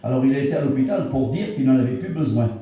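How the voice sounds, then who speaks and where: A middle-aged man, a pastor, telling a testimony in a sermon, in an animated storytelling way that repeats phrases for emphasis. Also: mid-range voice, fast, highs cut off. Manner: animated storytelling, acts out dialogue. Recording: very echoey hall, mic far off.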